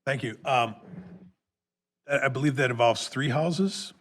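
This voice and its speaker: A man's voice: mid-range voice, measured pace, fairly bright tone. Council guy asking questions, kinda hesitant, repeats himself. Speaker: council member.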